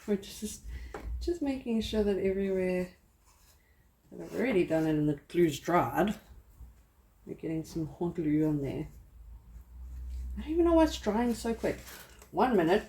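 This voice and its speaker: Her voice sits on the low side, mellow and sing-song, moving at a moderate pace with long pauses and slight background noise behind it. The young South African woman rambles casually through a crafting tutorial at her desk, cracking self-deprecating jokes.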